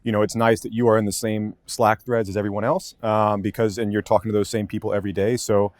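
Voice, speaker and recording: Fast-talking man, dry and close. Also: fairly low pitch, little pitch movement, darkish tone, no room sound. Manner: thinking aloud with frequent restarts and hedges. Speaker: content marketing lead, podcast guest. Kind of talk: casual podcast conversation. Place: office with many desks.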